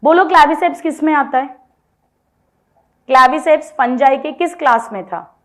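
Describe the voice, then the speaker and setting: High-voiced woman teaching biology mnemonics. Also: takes it slowly, a bit bright. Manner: drills mnemonics, has students repeat names aloud; mixes Hindi and English terms. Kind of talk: online exam-prep lecture.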